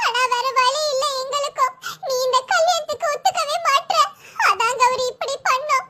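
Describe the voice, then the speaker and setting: A caring young woman who keeps the peace in the family. Her voice is very high and bright. She talks in a coaxing, persuasive way. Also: moderate pace, exaggerated voice. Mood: pleading.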